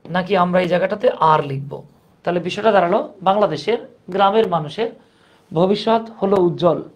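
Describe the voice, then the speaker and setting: Male grammar teacher, conversational and joking, quizzes students as he explains. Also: sits high. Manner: conversational, asks the class questions, jokes. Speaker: English teacher. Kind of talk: grammar lesson.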